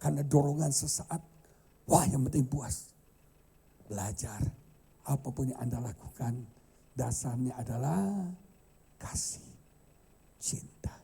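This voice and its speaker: Dark husky-voiced preacher man. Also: unhurried, long pauses. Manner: storytelling preacher, swings from loud high outbursts to hushed tones. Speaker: pastor. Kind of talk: sermon. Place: church hall.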